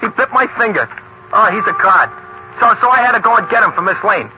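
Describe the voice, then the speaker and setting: An actor playing a bumbling, talkative cab driver sidekick who rambles and repeats himself, in old-time radio acting. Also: male voice, sits high, animated, fast, highs cut off. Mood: eager. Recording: scratchy old radio recording.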